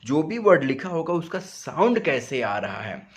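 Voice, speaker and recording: A man teaching a spoken English lesson from home. He explains step by step, asks questions and answers them himself, and stretches words out slowly to show their sounds. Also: a little high, very animated. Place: at home, in a residential neighbourhood.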